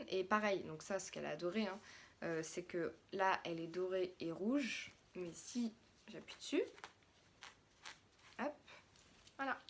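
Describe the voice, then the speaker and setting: Young French mum, mid-pitched, chatty haul vlogger, slight room hum. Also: female voice. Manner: chatty, many fillers and restarts. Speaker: mother showing children's clothes haul. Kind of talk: casual haul vlog.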